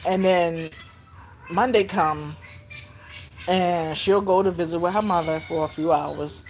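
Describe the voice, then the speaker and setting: An older woman, telling stories about raising her granddaughter in a casual, animated way, jumping into high squeals when she acts out voices. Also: measured pace, a little hiss or hum. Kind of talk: casual storytelling vlog.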